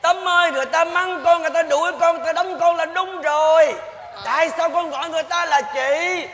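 A small, self-pitying old male spirit, whining and fussing in a stage comedy. The voice sits very high. It echoes around a large hall, with loud music playing under it. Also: fairly even intonation, fairly quick. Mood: preachy. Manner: exaggerated, whiny, comic. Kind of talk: live stage comedy acting.

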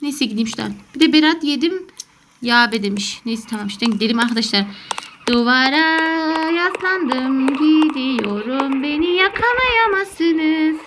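A woman's voice: a little high, fast talker, fairly bright tone, slight background noise. A woman doing jokey, panicky let's play commentary as a gaming YouTuber who calls herself a gamer mom.

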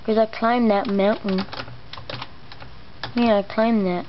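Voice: medium pitch, fairly even intonation, slow pace. A let's player giving casual, sweary gameplay commentary, with slightly imprecise R sounds. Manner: casual swearing, muttered exclamations. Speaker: let's play host. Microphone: camera pointed at a monitor. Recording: muffled lo-fi mic, noisy background.

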